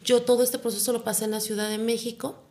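Gravelly-voiced Mexican woman telling her story. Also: a little high, level tone, fast, a little mellow. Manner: tag questions after nearly every phrase. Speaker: guest, foundation founder. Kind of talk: personal storytelling in an interview.

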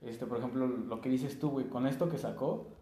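Fast-talking slangy Mexican man. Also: mid-range voice, warm tone. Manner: slangy, peppers speech with "güey". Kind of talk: casual podcast chat. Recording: echoey room.

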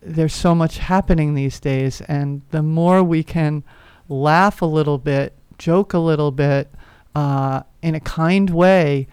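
A speaker in casual spiritual chat, reflective and thoughtful, with gentle affirmations. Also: mid-range voice, slow pace, clear, resonant tone, dry recording.

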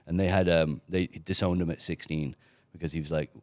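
A man's voice: sits low, steady tone, a little fast, a little mellow, no room sound. A middle-aged man telling rambling, profane stories on a casual podcast, laughing often. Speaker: podcast host. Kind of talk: casual storytelling chat.

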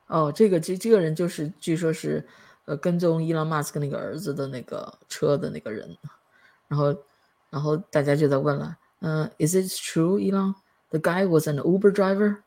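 Husky-voiced woman podcast host. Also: low voice, steady tone, normal speed, a little mellow. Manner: chatty, laughs a lot. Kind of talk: casual chat.

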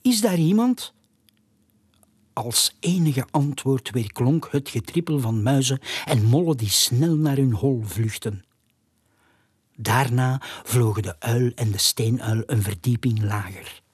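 Breathy, slow storybook narrator. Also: mid-range voice, dry recording, clean studio sound. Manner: hushed, half-whispered narration. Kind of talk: storybook reading aloud.

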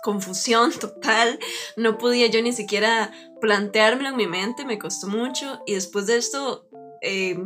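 A woman's voice: fairly high pitch, a little slow, a bit bright, faint music behind. A woman with a Costa Rican accent talking casually as a podcast co-host, mixing English words into her Spanish. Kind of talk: casual personal conversation.

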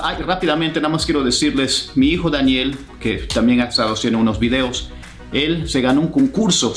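A man hosting a casual language lesson, explaining phrases and repeating them slowly for learners. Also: mid-range voice, echoey room. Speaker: English teacher and channel host.

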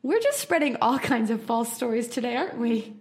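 A woman's voice: on the high side, sing-song, fairly quick, a little mellow, slight background noise. A young woman guesting on a casual podcast, teasing her friends playfully. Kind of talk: casual banter.

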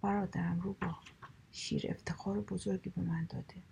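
A woman's voice: fairly low pitch, little pitch movement, vocal fry, dark tone, husky, exaggerated voice. A woman whispering a storybook reading, voicing a proud, gullible male deer who grows indignant. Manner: proud, then indignant, raised voice.

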